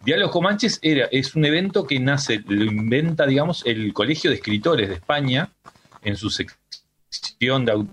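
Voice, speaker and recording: In a laid-back radio interview, a middle-aged Uruguayan-accented guest rambles and restarts often, speaking through a home microphone on a remote call. His voice is medium in pitch, expressive, and fairly bright at a normal pace, with slight background noise.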